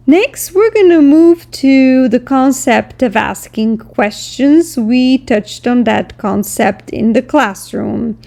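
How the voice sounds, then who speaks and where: A woman teaching a recorded language lesson, explaining slowly and carefully with example sentences. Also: fairly high pitch, creaky, dark tone.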